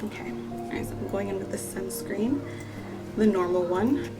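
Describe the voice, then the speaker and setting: A woman's voice: mid-range voice, fairly even intonation, normal speed, far from the mic, loud music behind the voice, poor audio. A woman in her twenties chatting reflectively as she does her makeup by a pool, with lots of "like" fillers. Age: 20s. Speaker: vlogger. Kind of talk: casual get-ready-with-me chat. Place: outdoors by a pool on holiday.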